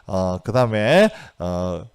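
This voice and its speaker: A man teaching English grammar in a video lecture, explaining step by step and often checking with "right?" and reading English example sentences slowly. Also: sits low, big pitch swings, clean tone. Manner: explanatory, asks "그죠?" for agreement.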